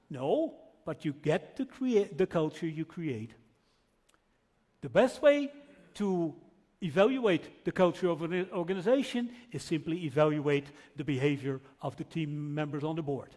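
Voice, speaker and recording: A man's voice: a little high, animated, a little slow, darkish tone. A man speaking at a conference, answering a question emphatically in short, separated phrases. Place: large indoor event hall. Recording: echoey hall with long reverb.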